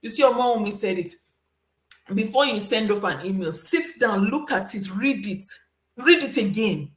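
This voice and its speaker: A woman hosting a casual advice talk to her audience, emphatic and lively. She repeats points for stress and jumps into high voices to act out little exchanges. Her mid-pitched voice rings in a roomy echo. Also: moderate pace. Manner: animated, acts out little scenes with sudden high voices. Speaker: host giving career advice.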